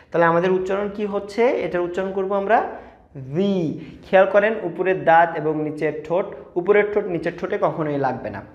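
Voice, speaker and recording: A man with a Bangladeshi accent teaching English letter sounds, slowly repeating each model sound for learners to copy. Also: on the high side. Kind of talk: classroom pronunciation lesson. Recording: echoey room, dull lo-fi sound.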